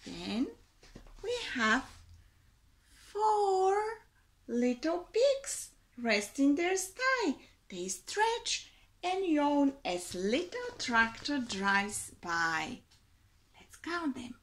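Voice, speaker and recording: Slow, lilting woman reading to children. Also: high-pitched. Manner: slow, expressive storytime reading with a sing-song lilt. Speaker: teacher. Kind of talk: reading a picture book aloud to young children. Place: small room indoors.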